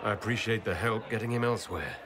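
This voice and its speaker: An actor voicing the player's human hero in a video game, measured and dry. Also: male voice, fairly low pitch, a crowd in the background, background noise, close to an everyday voice. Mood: calm. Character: composed human male leader, the player hero.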